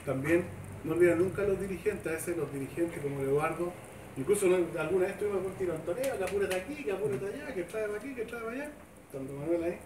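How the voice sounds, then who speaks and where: A man's voice: sits high, lively intonation, quick pace. Chilean man speechmaking in an echoey shed. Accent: Chilean Spanish. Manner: chatty, folksy, seeking agreement with tag questions. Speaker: government official giving a speech. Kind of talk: informal public speech. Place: open-sided covered sports shed, semi-outdoors. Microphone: far camera, no microphone. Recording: echoey shed heard from a distance, background noise.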